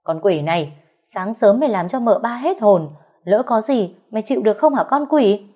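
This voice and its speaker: A harsh older nanny in an audio story, voiced by a woman narrator. She scolds in a shrill voice pitched higher than the narrator's own. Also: animated, normal speed, dark tone, natural voice. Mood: furious.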